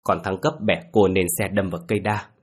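A man voicing a frightened young village father who shouts and talks in a shaky voice, from a spoken ghost story. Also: low-pitched, steady tone, fairly quick, breathy edge. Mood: shaken. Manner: shouting, then shaky and panicked.

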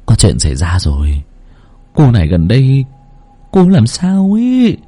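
A man voicing neighbors who gossip in hushed, dragging tones. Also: medium pitch, huge pitch swings, unhurried, slightly rough, full character voice. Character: gossiping neighbors whispering rumors.

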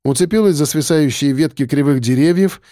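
A man's voice: on the high side, brisk, warm tone, no echo, clean studio sound. A man narrating an audiobook in a dramatic storytelling manner.

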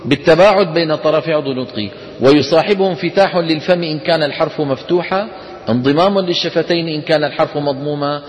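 A man's voice: on the high side, big-room sound, rough recording. A man with a Levantine Arabic accent teaching Quran recitation in a classroom lecture, asking the class questions, answering them himself and sounding out letters for students to repeat.

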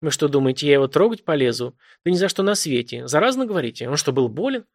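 A man voicing a terrified woman on the phone to the police, shrill and sobbing, pleading frantically. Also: sing-song, fast, darkish tone, no echo, studio quality, full character voice. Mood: shaken. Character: panicked woman caller alone at home.

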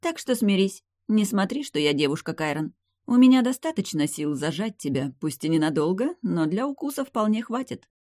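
A man's voice: high voice, big pitch swings, moderate pace, a little mellow, dry recording, studio quality, voice pushed up. A man voicing a haughty young female vampire noblewoman in an audiobook, teasing and smug. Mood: mocking.

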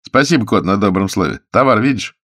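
A man doing a young detective in an audiobook, brisk and raised in pitch. He pushes his questions with dry irony. The recording is close and dry. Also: expressive, fairly bright tone, dry recording. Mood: pressing.

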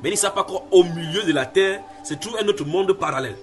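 A man's voice: high-pitched, fast talker, music in the background. A man preaching a Bible sermon, emphatic, repeating phrases and putting questions to his listeners. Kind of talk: sermon teaching with Bible reading.

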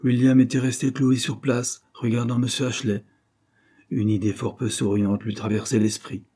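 A man reading a novel aloud in a measured, even way as an audiobook narrator. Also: mid-range voice. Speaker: audiobook reader.

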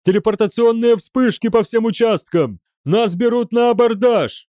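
A man's voice: fairly high pitch, expressive, brisk, a little mellow, no room sound, clean studio sound, voice pushed up, close to an everyday voice. A man voicing a panicked male tracking officer who howls out alarm reports. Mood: frantic. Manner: frantic, howling reports.

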